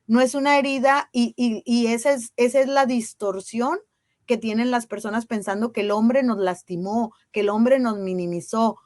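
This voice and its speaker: A woman's voice: fairly high pitch, steady tone, normal speed, a little mellow, no room sound, clean studio sound. A woman, a guest in a casual interview, who talks earnestly and emphatically and uses rhetorical questions. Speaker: guest on women's ceremonial circles.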